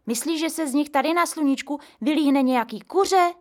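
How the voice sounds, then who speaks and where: A woman's voice: sits high, a little mellow, pitched above the performer's own voice, natural voice. A woman voicing an eager, curious little boy in a storybook reading.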